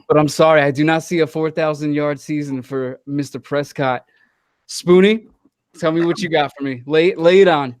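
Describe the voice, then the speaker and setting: High-voiced joking sports podcast host. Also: male voice, fairly even intonation, normal speed, clean tone, no room sound, clean studio sound. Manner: playful, joking, swearing. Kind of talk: casual sports podcast chat.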